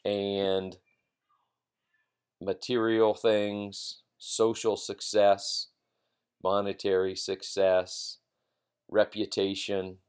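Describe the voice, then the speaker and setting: A man giving an informal philosophy lecture in a halting, reflective way, repeating phrases for emphasis. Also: fairly low pitch, smooth.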